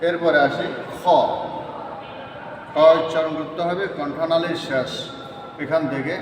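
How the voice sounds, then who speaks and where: Slow, echoey man teaching letter sounds. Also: a little high, steady tone, background noise. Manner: repeats each letter three times, chants rules. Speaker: Quran reading teacher. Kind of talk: slow step-by-step pronunciation lesson. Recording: echoey hall from far off.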